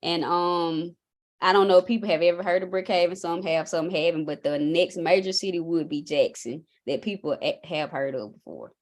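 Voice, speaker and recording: A woman's voice: lowish voice, moderate pace. A young woman from Mississippi with a Southern accent, chatting casually about herself as an interview guest and basketball coach. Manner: relaxed, chatty, folksy.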